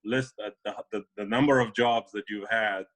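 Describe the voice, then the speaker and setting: A man's voice: fairly low pitch, fairly even intonation, moderate pace, fairly bright tone, low-quality recording. Hesitant man from Afghanistan. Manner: hesitant, many fillers and restarts. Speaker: immigration lawyer guest. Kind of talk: casual interview talk.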